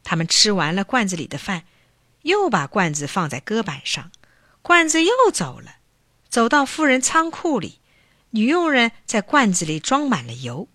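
A woman narrating a children's folk tale with an expressive storybook delivery. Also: medium pitch, moderate pace, no room sound, clean studio sound.

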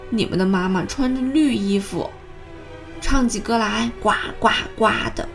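Woman as good-natured mother goose, storybook, kindly, slow. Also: on the high side, gravelly, faint music behind. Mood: amused. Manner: amused, kindly telling.

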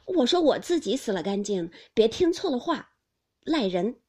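A woman voicing a gentle young nobleman in an audiobook, speaking in a soft, pleading, half-whispered way. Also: on the high side, sing-song, moderate pace, breathy edge.

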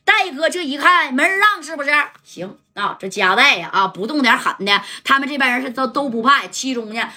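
A woman narrating a gangster story in a folksy, lively way, with asides to the listener. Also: sits high, a little fast, few pauses.

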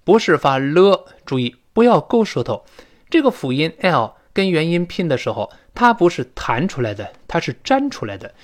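A man teaching English pronunciation, explaining in Chinese and repeating words slowly for drill. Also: a little high, big pitch swings. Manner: emphatic, explanatory.

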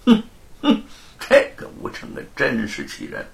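A man's voice: mid-range voice, wildly swooping pitch, measured pace, a bit bright, full character voice. A man voicing a spiteful, scheming rich villain who sneers and snickers. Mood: spiteful, sneering.

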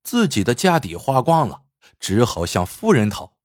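A man narrating a folk tale in an animated, vivid storytelling manner. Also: medium pitch, moderate pace, no echo, clean studio sound.

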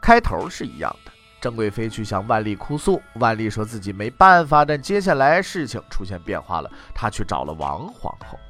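A man's voice: fairly low pitch, big pitch swings, fairly quick, a bit bright, faint music behind. A man telling history in traditional comic storytelling style, with wry, mocking asides.

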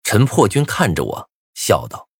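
Husky low male storyteller. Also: wildly swooping pitch, a little slow, no room sound, clean studio sound. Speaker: narrator. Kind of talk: scripted first-person story narration.

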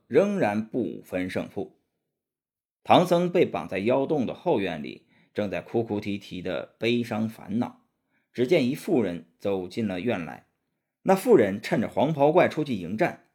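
A man narrating a children's story in an animated, expressive way. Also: lowish voice, husky.

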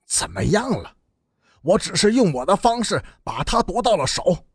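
A man's voice: high-pitched, sing-song, normal speed, slightly rough, no echo, studio quality, exaggerated voice. A man voicing a bitter, cynical young brawler who sneers defiantly. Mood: vicious.

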